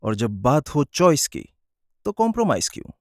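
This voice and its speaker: A man's voice: mid-range voice, very animated, normal speed, dry recording, clean studio sound. A man reading an advertisement script as voice-over practice, line by line. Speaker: student voice-over artist. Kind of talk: ad script read.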